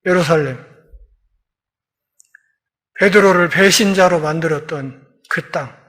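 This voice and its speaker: A pastor with a notably high voice leads a Bible lecture. He tells the story with energy and acts out the conversations, swinging from loud, pressing emphasis to quiet, low stretches. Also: a little slow. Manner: storytelling, acts out the dialogue of biblical characters.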